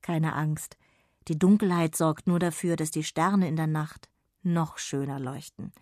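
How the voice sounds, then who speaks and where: A woman's voice: low-pitched, fairly even intonation, unhurried, dry recording, clean studio sound. A woman doing a giggly old granny. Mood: gentle, amused. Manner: giggly, gentle, soothing. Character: loving old grandmother who knits and giggles.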